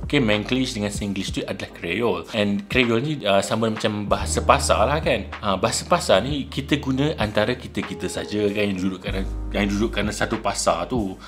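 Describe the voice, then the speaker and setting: A young man from Malaysia with a Malaysian accent, talking casually to camera in his vlog, lively and mixing in English words. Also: fairly quick, few pauses, soft background music. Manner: animated, mixes English into his talk, shifts pitch for emphasis. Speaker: vlogger.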